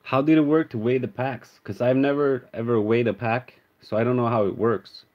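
In a room with a card display, a Swedish man with an American-tinged Swedish accent chats casually on a live stream, greeting viewers and naming each card as he opens it. His medium-pitched voice holds a fairly even intonation at a normal speed, and the audio sounds dull.

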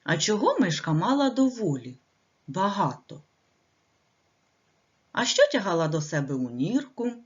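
A woman's voice: medium pitch, sing-song, a little slow, pauses often. A woman telling a fairy tale to small children as a teacher, asking them questions, on a dull lo-fi recording. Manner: asks children questions, sing-song.

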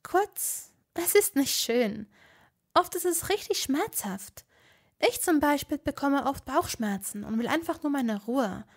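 A woman's voice: sits high, lively intonation, a little slow, pitched above the performer's own voice. A woman voicing an earnest, clever young witch in a fan audio drama. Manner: earnest, explaining, easily indignant.

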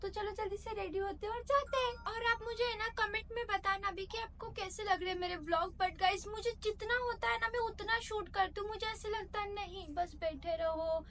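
A young woman from India talking to her phone camera in a chatty, playful, self-mocking way, loud and fast while walking through a market. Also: very high voice, steady tone. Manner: talks loud and fast over traffic in the market. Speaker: vlogger. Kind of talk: casual travel vlog. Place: outdoor market street. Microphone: handheld phone camera. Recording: traffic noise behind.

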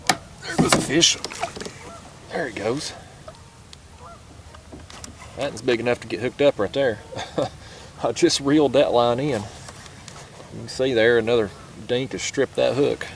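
A young fishing vlogger chats casually to an action camera mounted on his kayak as he fishes on a foggy river. His medium-pitched voice has vocal fry, and he takes it slowly with long pauses, easygoing and drawling "y'all" and "ain't". Faint river noise sits in the background.

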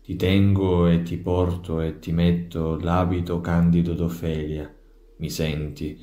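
A man giving a soft, measured, intimate poetry reading, trailing off at each refrain. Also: sits low, little pitch movement, reverberant, muffled recording. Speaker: poetry reader.

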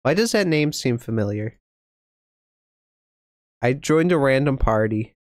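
A man's voice: medium pitch, lively intonation, a little slow, no room sound, studio quality. A young man streaming a game, chatting casually, flustered and rambling with lots of ums and restarts. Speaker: gaming streamer. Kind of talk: casual live-stream chat.

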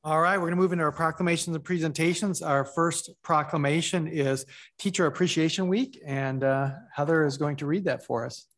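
Higher-voiced mayor chairing a meeting. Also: male voice, brisk. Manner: relaxed, informal procedural talk. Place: city council chamber.

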